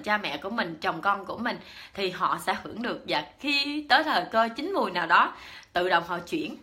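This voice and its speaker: Chatty Southern Vietnamese woman, bright voice. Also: mid-range voice. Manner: chatty, lots of fillers and repeated words, addresses listeners directly. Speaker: Buddhist lay speaker. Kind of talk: personal dharma talk.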